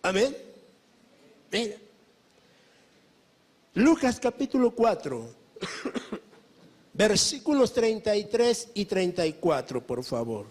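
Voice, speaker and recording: Slow-preaching Mexican pastor, high voice. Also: male voice, big pitch swings, darkish tone. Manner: emphatic preaching, often calling listeners brother; asks the congregation rhetorical questions. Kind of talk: sermon.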